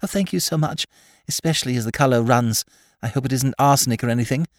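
A man voicing an eager, gushing young woman activist in a storybook reading, high and breathless. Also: fast, dry recording, studio quality, lightly acted. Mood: flustered.

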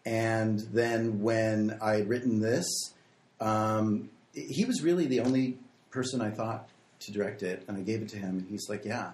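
Male interview guest, standard American accent. Conversational, on the low side, recorded in an echoey room. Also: normal speed, a little mellow. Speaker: screenwriter and podcast guest. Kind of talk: casual interview.

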